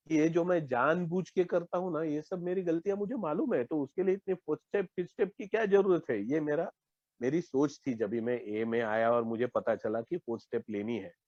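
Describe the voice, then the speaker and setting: A man's voice: a little high, no echo. Man from India, earnest personal share over a muffled online call, dry and close. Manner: earnest storytelling, acts out his own past dialogue. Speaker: recovering alcoholic sharing at a meeting. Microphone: online meeting call. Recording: dull lo-fi online call audio.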